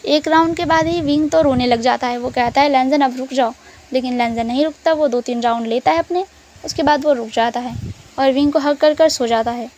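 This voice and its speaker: High-voiced woman retelling a story. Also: fairly quick, a little mellow, a little hiss or hum. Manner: chatty, mixing in English words.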